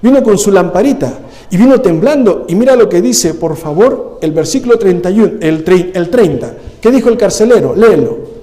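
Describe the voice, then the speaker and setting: A pastor at a church service preaches an animated sermon, firing rhetorical questions at the congregation one after another. His voice is high yet mellow and dark, his pace fairly quick, and long church-hall reverb trails each phrase.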